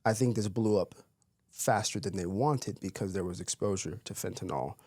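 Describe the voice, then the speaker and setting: Playful man host with a low, dry voice. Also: normal speed, a little mellow, dry recording. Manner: playful, joking, upbeat. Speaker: podcast host. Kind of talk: casual podcast talk.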